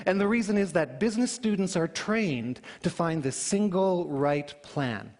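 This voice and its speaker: A man giving a public talk, telling it in an animated way with emphatic rhetorical questions. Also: high-pitched, measured pace. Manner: animated storytelling, emphatic question-and-answer delivery. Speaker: conference speaker. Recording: hall reverb.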